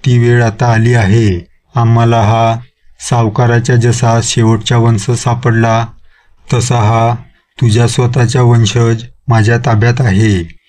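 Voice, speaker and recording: A man's voice: mid-range voice, flat delivery, slow pace, darkish tone, lightly acted. A man doing a stern old guru. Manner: commanding, lecturing.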